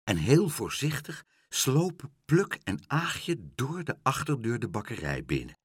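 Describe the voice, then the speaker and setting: A man reading a children's book aloud, animated, switching into character voices. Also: mid-range voice, a little slow, husky, no echo, clean studio sound. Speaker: storyteller.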